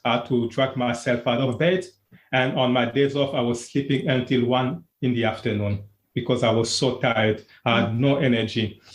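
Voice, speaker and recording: A wellness coach from Congo shares his personal story as an interview guest, earnest and plain-spoken, often stopping and restarting. His mid-range voice echoes in the room.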